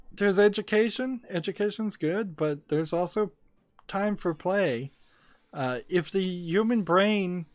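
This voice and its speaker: With a voice that sits a little high, a young man chats loosely while streaming a card game, tossing out opinions, restarting often, padding with filler and reading viewers' messages aloud. The recording is dry.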